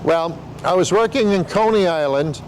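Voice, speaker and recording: A man's voice: high-pitched, moderate pace, noisy background. An older man explaining things in a casual interview, with rambling showman patter and joking asides. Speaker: veteran sideshow talker explaining flea circus.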